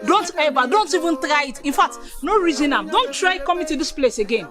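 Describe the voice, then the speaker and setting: A woman's voice: sits high, expressive, fairly quick. A scornful Ghanaian village girl. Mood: dismissive. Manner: scolding, pidgin-laced. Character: proud young village woman rejecting a suitor. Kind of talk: comedy series acting. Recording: music playing under the dialogue.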